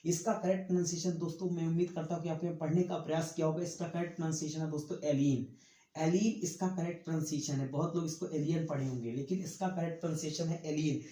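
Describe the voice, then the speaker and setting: This male English vocabulary teacher talks fast in a steady, warm voice on the high side during an online exam-prep lesson. He writes on a board as he goes, repeats each word and keeps saying "friends"; the audio is poor with an echoey room.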